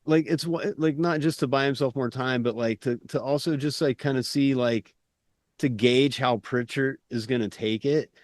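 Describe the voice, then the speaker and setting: A man talks through a film scene on a podcast, piling up fillers and restarts as he gets worked up. His voice sits at an ordinary pitch. The sound is close and dry, with no room around it. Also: normal speed, dry recording. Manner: rambling, lots of "like" and restarts, animated retelling. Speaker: podcast co-host. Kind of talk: casual film discussion.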